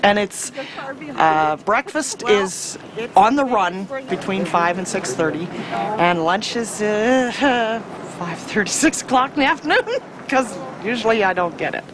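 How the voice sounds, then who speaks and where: A woman's voice: medium pitch, expressive, unhurried. Chatty woman amid a crowd. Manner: chatty, laughing easily. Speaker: interviewee, café worker. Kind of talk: casual interview.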